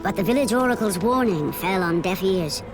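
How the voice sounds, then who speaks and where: An actress playing a solemn, portentous narrator of a Greek epic in a video game, with deliberate dramatic emphasis. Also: female voice, medium pitch, lively intonation, close to an everyday voice. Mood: ominous. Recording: loud dramatic music underneath.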